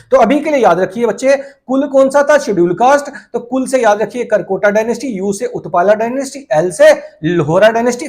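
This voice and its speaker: High-voiced exam tutor lecturing. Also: male voice, darkish tone. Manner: addresses students as "kids", repeats key points, asks and answers his own questions. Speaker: exam coaching teacher. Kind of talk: classroom lecture.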